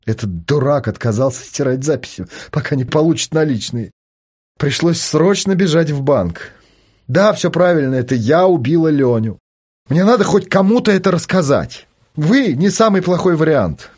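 A man's voice: fairly high pitch, animated, normal speed, a little mellow, husky, voice pushed up. A man voicing an anxious, scheming older mother fiercely devoted to her sons, pleading and insistent. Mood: confessional.

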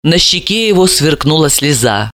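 A man narrating an audiobook in an expressive storytelling manner. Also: a little high, normal speed, no echo, studio quality. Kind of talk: scripted narration.

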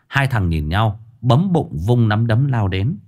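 A man narrating a story in a lively, expressive storytelling manner. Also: medium pitch, slow.

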